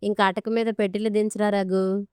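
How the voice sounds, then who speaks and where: A woman's voice: medium pitch, little pitch movement, normal speed, a little mellow, clean tone, no room sound, clean studio sound, lightly acted. A woman reading as a stern old father-in-law. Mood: firm. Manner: commanding, blunt. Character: stern older man, a firm father-in-law.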